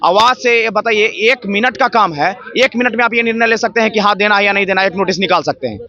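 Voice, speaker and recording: A man's voice: high-pitched, fast, sharp tone. A man, a protesting teacher candidate, speaking aggrieved in a street interview and firing off rhetorical questions. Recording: dull lo-fi street recording.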